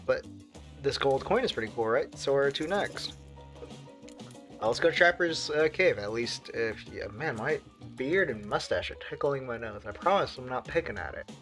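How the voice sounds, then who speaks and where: A man of middle pitch giving casual, jokey gameplay commentary, reading the game's text aloud between his own asides to viewers. He breaks into loud, exasperated outbursts. Faint music plays behind him. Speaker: gaming video creator.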